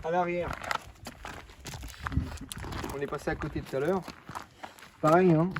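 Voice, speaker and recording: A man's voice: on the high side, fairly even intonation, measured pace, very noisy. A young man casually showing off his car outdoors, joking and rambling with lots of fillers. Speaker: car vlogger.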